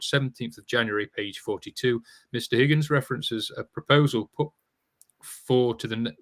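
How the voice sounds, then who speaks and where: A man's voice: on the low side, a bit bright. A man hosting a live online Q&A, reading out viewer questions in a conversational way with many fillers. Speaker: host. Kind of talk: live Q&A show.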